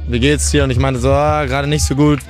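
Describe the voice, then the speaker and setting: A young man talking casually in an interview, relaxed and chatty, often restarting his sentences. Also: medium pitch, fast talker, soft background music. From Germany, raised in Portugal. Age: young adult.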